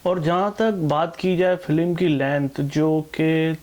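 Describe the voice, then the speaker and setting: A man's voice: fairly high pitch, steady tone, slow pace, darkish tone. A man giving a casual film review with rhetorical asides to viewers.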